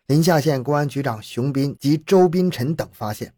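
A man narrates a true-crime story in a steady, measured storytelling voice. His tone is husky and his pitch sits in a middle range. The recording is dry and close to the mic. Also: no echo.

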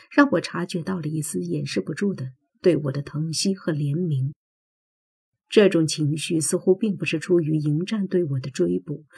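A woman reading a first-person novel aloud in a measured, reflective storytelling manner. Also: fairly low pitch, gravelly, dark tone, husky. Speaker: narrator. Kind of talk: first-person audiobook narration. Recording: faint background music.

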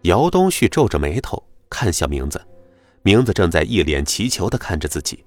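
A man narrating a web novel audiobook in an expressive storytelling manner. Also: sits low, moderate pace, no echo, faint music behind.

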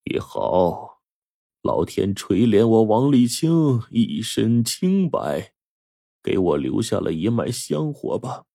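A proud official father in a spoken storybook, worn down by grief, as a storyteller puts him on. His husky, low voice swings widely between shouted rage and tearful despair. The sound is dry and close. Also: big pitch swings, slow, no room sound, exaggerated voice. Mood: resigned. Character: middle-aged male official, proud but broken by grief.

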